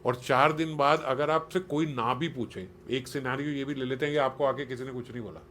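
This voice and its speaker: Man, spiritual teacher, medium pitch. Persuasive, keeps quizzing the room. Faint background hiss. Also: fairly even intonation, a little fast, fairly bright tone. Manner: questioning, quizzes listeners, acts out quotes in everyday voices; earnest and persuasive. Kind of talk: conversational spiritual talk to a small group.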